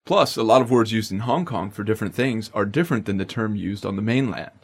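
Man, language lesson co-host, jokey, scripted banter, slightly low voice. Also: fast talker, husky. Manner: upbeat, jokey.

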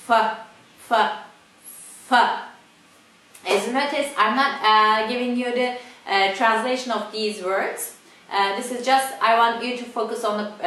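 A native Turkish-speaking woman with a Turkish accent gives a casual pronunciation lesson as a language teacher. Her voice is a little high and fairly bright, and the room is echoey. She talks slowly, repeating each word and using many fillers.

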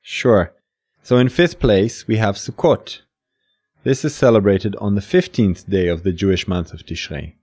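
A man's voice: on the low side, a little slow, a little mellow. A man co-hosting a scripted podcast, explaining traditions with a light, joking manner. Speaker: podcast co-host. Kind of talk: scripted educational podcast dialogue.

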